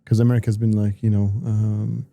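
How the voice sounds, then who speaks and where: A man talking politics as an analyst in a casual discussion, halting often with repeated words and restarts. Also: lowish voice, level tone, vocal fry, dark tone, dry recording, lo-fi sound.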